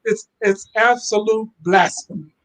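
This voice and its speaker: A man's voice: high-pitched, a little slow. Blunt, emphatic man on a video call. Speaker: panel guest. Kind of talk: casual talk on a live video call.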